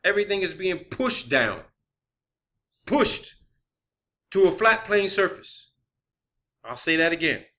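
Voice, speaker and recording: Slow, sing-song and forceful, this man's high, bright voice stretches across long pauses as he rants through his own theories in a solo video. He uses plenty of profanity and repetition for emphasis, checking in again and again with "okay" and "all right."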